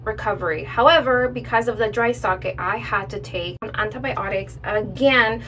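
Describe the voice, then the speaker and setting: A woman's voice: mid-range voice, normal speed, sharp tone. A young adult woman chatting casually as she tells a personal story to her viewers, in an emphatic, conversational way. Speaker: vlogger telling a personal story. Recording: distant mic with faint background noise.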